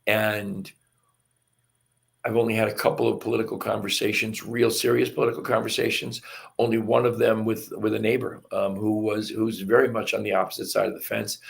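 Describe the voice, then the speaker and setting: A man hosting a spiritual talk show, speaking gently and earnestly with many fillers and restarts. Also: fairly low pitch, creaky. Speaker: host.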